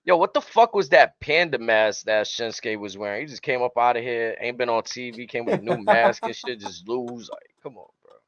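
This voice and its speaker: A man's voice: mid-range voice, big pitch swings, moderate pace, vocal fry, hardly any pauses, highs cut off. A man co-hosting a live stream, talking wrestling in a blunt, profane, joking way. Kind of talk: casual wrestling chat.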